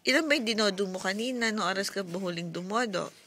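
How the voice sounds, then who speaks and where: A woman's voice: medium pitch, fast talker, pushed and bright, a little hiss or hum. A young woman, a mother, chatting and teasing her baby in playful sing-song baby talk at home.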